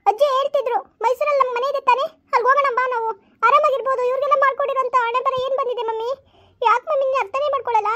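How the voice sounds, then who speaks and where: A woman's voice: very high-pitched, fairly even intonation, racing, pushed and bright. A woman voicing a tearful young daughter who whines, sobs and pleads in a family skit. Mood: pleading. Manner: whining, pleading, sobbing complaints.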